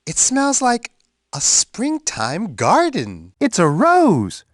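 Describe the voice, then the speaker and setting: A big, gentle bear from a children's game, full of curious wonder. The delivery is unhurried and sing-song, swinging widely up and down as he speaks kindly to young children. The sound is dry and close, with hardly any room around it. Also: high-pitched, wildly swooping pitch, no echo, full character voice. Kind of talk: children's edutainment game voice lines.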